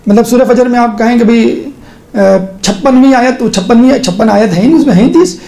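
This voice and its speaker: A religious teacher explains things in a relaxed online lesson, in a voice with a noticeable creaky fry. The pitch sits in the middle range. The teacher often checks in with the listeners and slows into measured phrasing for recited verses. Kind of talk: casual online lesson with a screen walkthrough.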